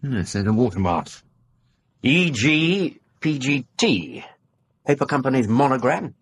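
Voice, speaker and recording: An actor playing an affable middle-aged Victorian gentleman doctor with an English accent, courteous and hearty, in a radio drama. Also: medium pitch, animated, unhurried, slight background noise. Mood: curious, earnest.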